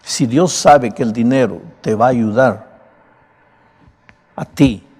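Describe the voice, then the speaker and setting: Here a pastor delivers his sermon with a rasp and a cracked quality, speaking emphatically but conversationally. The man's voice is medium in pitch, slow, and a little mellow.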